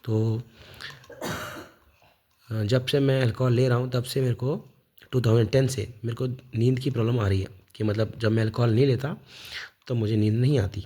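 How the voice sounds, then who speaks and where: Man, 30s, from India; soft warm tone, rambling off-the-cuff monologue, lots of fillers and restarts. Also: medium pitch, steady tone, moderate pace, pauses often. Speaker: vlogger. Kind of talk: casual spoken monologue.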